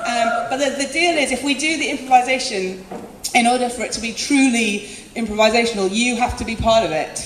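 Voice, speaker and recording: At a live concert venue, a woman performs spoken word in a chatty, self-mocking way, laughing often between lines. Her voice is a little high, a bit bright, and fairly quick, heard in an echoey hall with faint room noise.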